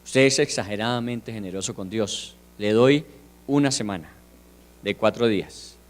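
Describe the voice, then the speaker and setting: A man preaching a sermon, firing rhetorical questions and swinging from hushed asides to loud declarations. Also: on the low side, normal speed. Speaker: pastor.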